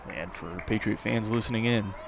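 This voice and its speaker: This radio play-by-play man calls a baseball game live in a lowish, creaky voice at normal speed. Crowd and ambient outdoor noise from the ballpark sit in the background.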